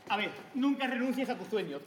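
An actor playing a wisecracking young police cadet in a comedy sketch, delivering dry one-liners. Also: male voice, extremely high pitch, expressive, a little fast. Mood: deadpan. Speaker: police academy recruit. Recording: echoey room, faint background noise.

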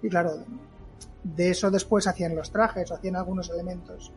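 A man talking casually as an interview guest, explaining haltingly and repeating words. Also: high voice, little pitch movement, soft background music. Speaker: podcast guest, film costume maker.

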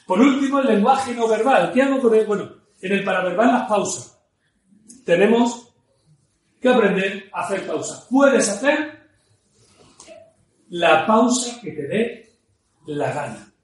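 A man giving a lively, playful talk on storytelling as a public speaking coach, swinging between loud and soft. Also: high voice, unhurried, pauses often. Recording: very echoey room, mic far off, faint noise.

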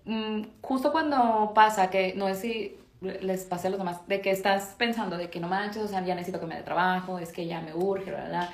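A woman's voice: mid-range voice, steady tone, moderate pace. A woman with a Mexican accent chatting casually as co-host, rambling through stories with lots of fillers. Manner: rambling storyteller, heavy on fillers. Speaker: podcast co-host. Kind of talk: casual chat. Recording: roomy echo.

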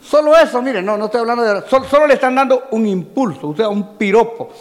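A man preaching a sermon in a church hall, swinging from loud shouting to quiet asides, calling his listeners "brother" with folksy humor. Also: extremely high pitch, lively intonation, fairly quick. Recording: long hall reverb, faint crowd.

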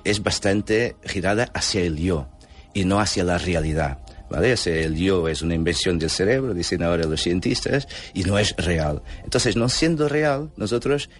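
A very deep-voiced man, a guest on a radio interview. He explains patiently and calmly, pausing on fillers and checking in with little tag questions as he goes. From Angola, raised in Portugal. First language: Portuguese. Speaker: Buddhist lama, guest.

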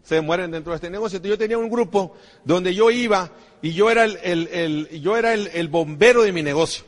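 High-voiced man in a reverberant hall. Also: a little fast. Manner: repetitive, asks the crowd rhetorical questions. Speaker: network marketing trainer. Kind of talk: motivational talk to an audience.

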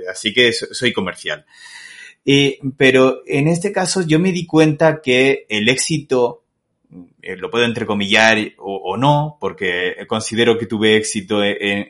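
A man from Spain, a guest consultant on a podcast, explaining his work in a relaxed, thoughtful way. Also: on the low side. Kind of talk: podcast interview.

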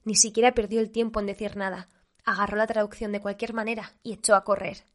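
Woman reading a story out loud, measured and steady. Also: medium pitch. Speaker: narrator. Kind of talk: storytelling narration.

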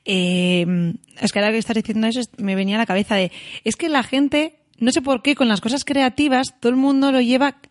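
Higher-voiced woman co-host, dry sound. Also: steady tone, brisk, no echo. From Spain. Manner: reflective, open, thinks aloud with fillers. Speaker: podcast co-host. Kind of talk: casual chat.

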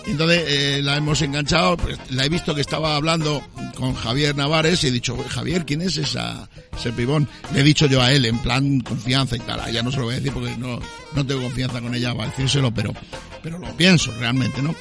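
A man's voice: medium pitch, steady tone, brisk, gravelly, over music. A man hosting a playful talk show on an outdoor terrace, joking and rambling as he goes. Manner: joking, rambling, self-interrupting. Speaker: host.

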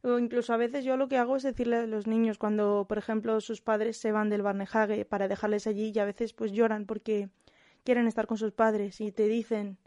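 A young woman from Spain with a Spanish accent, a kindergarten teacher giving a calm, reflective monologue with frequent hesitant restarts. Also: on the high side, brisk, no room sound, clean studio sound.

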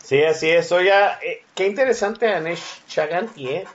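A man's voice: high voice, moderate pace, muffled recording. A man co-hosting a casual film chat, chiming in with short agreeing remarks. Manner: brief agreeing interjections. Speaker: co-host.

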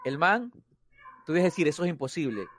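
A man telling a story in casual group chat, animated, often repeating himself and laughing between phrases. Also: on the high side, brisk, a little hiss or hum.

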